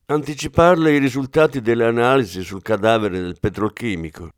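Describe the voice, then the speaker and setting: A man's voice: mid-range voice, fairly quick, clear, resonant tone, no echo, studio quality, lightly acted. A man reading an audiobook, playing a polite, dutiful male forensics officer who reports formally. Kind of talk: audiobook character voice.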